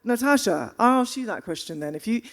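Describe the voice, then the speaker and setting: A woman's voice: a little high, animated, fairly quick. A woman with a South London accent moderating a panel discussion.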